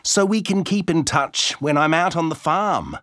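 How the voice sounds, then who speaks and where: A man's voice: a little high, a little slow, a bit bright, no echo, clean studio sound, voice pushed up. Man doing a playful young secret-agent girl.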